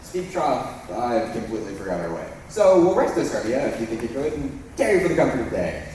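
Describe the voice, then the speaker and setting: A man's voice: medium pitch, very animated, fairly quick, darkish tone, a little hiss or hum, close to an everyday voice. A young man as Lysander, an ardent young lover. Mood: tender. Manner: playful, swooping verse delivery. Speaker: stage actor. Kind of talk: school stage play. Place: school stage. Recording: echoey hall from far off.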